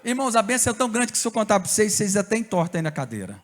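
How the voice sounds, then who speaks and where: High-pitched Brazilian preacher in echoing hall. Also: male voice, rapid-fire. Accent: Brazilian Portuguese. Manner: animated storytelling preacher, bursts of shouting and tongues. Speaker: pastor. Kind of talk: sermon.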